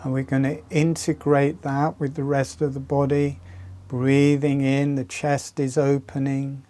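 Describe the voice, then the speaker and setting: A man guides a breathing and relaxation exercise, his medium-pitched voice calm and soothing. He speaks in short phrases separated by long pauses.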